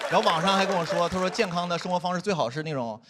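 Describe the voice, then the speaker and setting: A man doing a stand-up comedy set on a stage, telling self-mocking stories and acting out the dialogue in an animated way. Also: sits high, racing, noisy background. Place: comedy stage before a laughing live audience.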